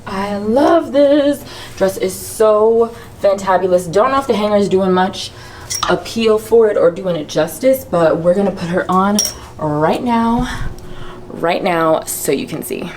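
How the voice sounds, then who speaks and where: A woman's voice: mid-range voice, measured pace, a little mellow, slight background noise. A woman fashion vlogger chatting casually with viewers while getting ready, in a playful, talkative way. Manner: chatty, playful, talks to viewers as "you guys" and "y'all". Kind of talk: casual get-ready-with-me chat. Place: hotel room. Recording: echoey hotel room.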